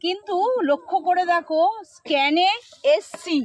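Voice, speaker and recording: A very high, light-voiced woman teaching a pronunciation lesson. She repeats each sound slowly and keeps asking her pupils to answer back. Her manner stays patient and coaxing. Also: dry recording.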